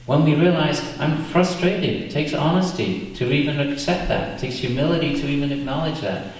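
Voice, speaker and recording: A man's voice: a little high, moderate pace. A man teaching yoga philosophy to a group at a retreat, talking conversationally and checking in with his listeners. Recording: echoey hall recorded from far off, faint hiss.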